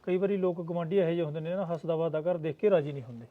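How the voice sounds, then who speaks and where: Calm Punjabi brother, quick talk, dull-sounding recording, played by a man. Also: on the high side, close to an everyday voice. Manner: calm, consoling. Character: young brother visiting his married sister. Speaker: wife's brother. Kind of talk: acted family drama.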